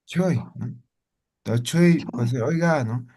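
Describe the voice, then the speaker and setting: Slow-talking man teaching a language class. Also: mid-range voice, dark tone, husky. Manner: slow, asks students questions often, tag questions. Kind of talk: interactive class explanation.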